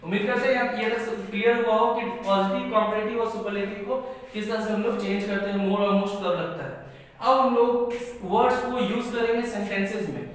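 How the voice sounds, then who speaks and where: A man, teaching English grammar in a high voice. He works through each rule step by step. The sound is strongly echoey, with a long reverb, picked up from far off the mic. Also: fairly quick. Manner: explains step by step, says "ठीक है" often. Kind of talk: classroom lesson.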